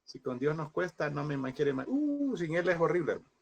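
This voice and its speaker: A fervent man in his thirties preaching at a seminary class, with a fairly high voice. He keeps calling his listeners "brother" and speaks with grief in his voice. He pushes them to persevere. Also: big pitch swings, fairly quick, vocal fry, slight background noise. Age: 30s. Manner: fervent, addresses listeners as "hermano". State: emotional, speaking through grief. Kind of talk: impassioned sermon-style class.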